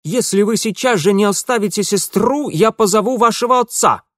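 A man's voice: high voice, normal speed, a bit bright, dry recording, studio quality, voice pushed up. A man voicing a stern young governess with a light German accent, indignant and commanding.

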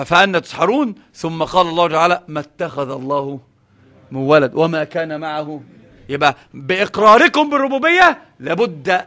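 A man teaches a religious lesson in a high, ringing voice. He moves between recited verses and explanation, putting questions to his listeners and answering them himself. His speech is full of restarts and repeated words. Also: bright, forceful tone. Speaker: Islamic scholar teaching a book.

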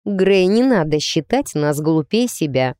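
A woman voicing a calm male team coach in an audiobook, speaking dryly and steadily. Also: deep voice, moderate pace, clear, resonant tone, dry recording. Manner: dry and steady.

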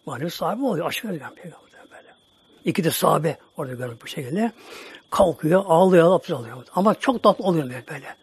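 A man's voice: on the high side, a little mellow, breathy edge, no room sound. A male religious teacher retelling a dream story in a sermon, acting out the dialogue with feeling. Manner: emotional retelling with acted dialogue.

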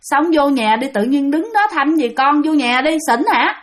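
A woman's voice: sits high, normal speed, lightly acted. A woman playing a grieving, anxious mother who speaks tearfully. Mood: puzzled.

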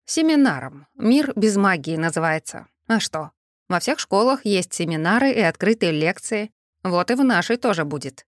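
A woman voicing a calm, composed older male magister who speaks with dry, polite irony in an audiobook. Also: medium pitch, moderate pace, no room sound, lightly acted. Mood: dryly ironic. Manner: unruffled, dryly ironic.

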